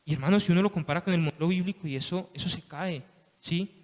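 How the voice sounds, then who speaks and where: High-voiced preaching man in a reverberant hall. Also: fast. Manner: impassioned, repeats "hermanos" and "¿sí?" often. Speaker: lay preacher. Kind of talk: sermon. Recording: long reverb of a church hall.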